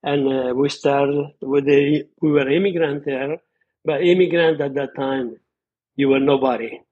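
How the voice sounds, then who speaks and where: On narrow, tinny audio, an Italian-accented man in his eighties recounts his life story for a podcast. He is a retired surgeon from Italy who speaks earnestly at medium pitch with fairly even intonation and a slightly slow pace. He often restarts his sentences as he searches for the right words in this reminiscing interview.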